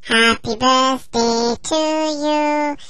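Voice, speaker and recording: Man's voice pitched into a squeaky chipmunk effect. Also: steady tone, very slow, sharp tone, clean tone, dry recording, faint music behind, full character voice. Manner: squeaky and cartoonish. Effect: sped-up, pitch-shifted chipmunk voice effect. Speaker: software tutorial presenter.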